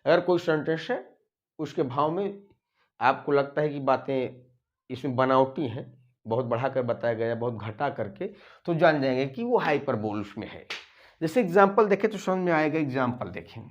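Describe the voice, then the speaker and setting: A man's voice: mid-range voice, lively intonation, highs cut off. A man teaching an exam-prep grammar lesson, asking the class questions, repeating his points and dictating English words letter by letter. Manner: explains slowly, dictating English words and spelling them out letter by letter.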